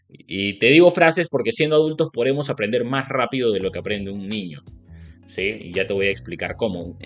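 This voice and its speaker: A man with a Latin American Spanish accent teaching a video lesson, explaining step by step and checking in often with the viewer. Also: medium pitch. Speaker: English teacher.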